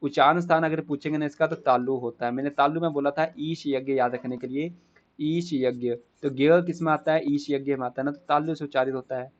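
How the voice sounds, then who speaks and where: A man's voice: fairly high pitch, fairly even intonation, fast talker, hardly any pauses, highs cut off. A man teaching an exam-prep grammar lesson, explaining step by step and asking the class rhetorical questions before answering them himself.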